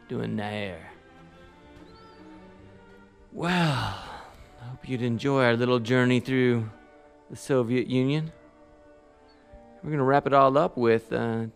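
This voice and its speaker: A man's voice: mid-range voice, gravelly. A man hosting a radio music show, introducing songs in an easygoing, rambling way with casual asides.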